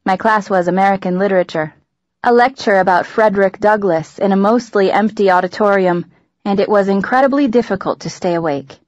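A woman narrating an audiobook in the first person, in a wry, deadpan manner. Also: mid-range voice, brisk, no room sound, highs cut off. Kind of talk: scripted narration.

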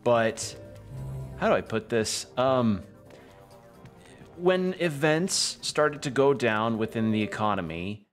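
A man's voice: medium pitch, lively intonation, slow pace, long pauses. A young man chatting casually while streaming a video game, rambling and often correcting himself, with some swearing. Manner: rambling, self-correcting, profane. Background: game music.

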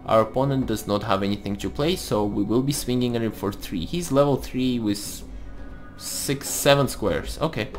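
A man's voice: medium pitch, moderate pace. A man giving casual gameplay commentary, thinking aloud as he plays. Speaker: host of a card game let's play series. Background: music.

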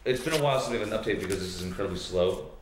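A man chairing a public board meeting, talking in halting bursts with frequent restarts. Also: sits low, lively intonation. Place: large echoey meeting room. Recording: echoey room with background noise and clicks.

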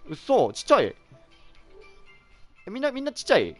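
A woman's voice: a little high, huge pitch swings, moderate pace, faint music behind. A woman streamer with a Kansai accent, chatting casually on a live stream and reading viewers' comments aloud with teasing comebacks. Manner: reads chat comments aloud and fires back teasing retorts.

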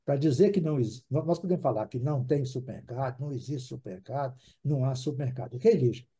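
A man's voice: medium pitch, fast, warm tone, husky. A man teaching an online English class in Portuguese, patiently repeating words for drills and checking in with the class.

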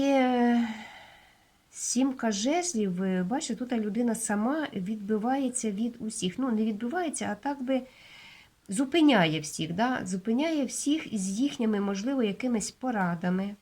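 A tarot reader with a Ukrainian accent and a medium-pitched, dark voice gives a casual reading. She explains each card unhurriedly, hesitating often and checking in with the viewer.

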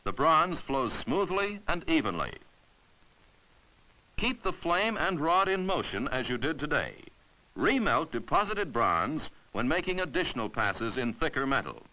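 In unhurried, patient narration, a man with a bright, forceful voice and lively, rising-and-falling pitch explains each step clearly. It sounds like a 1950s classroom reel, and this rough recording is in fact a 1950s educational film soundtrack.

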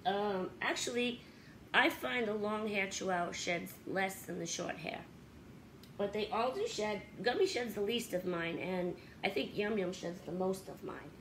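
A woman's voice: measured pace, fairly bright tone, poor audio. Middle-aged woman, casual home vlog, upbeat and chatty, faint hiss behind. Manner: chatty, upbeat, with fillers; high baby-talk when calling her dogs. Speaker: pet channel host. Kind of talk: casual product review vlog. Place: home bedroom with dog beds, indoors.

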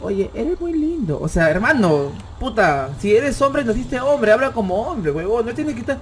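A man with a Peruvian accent, streaming a role-play game as a police lieutenant, excitable and swearing often. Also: extremely high pitch, normal speed. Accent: Peruvian Spanish. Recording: noisy game stream audio.

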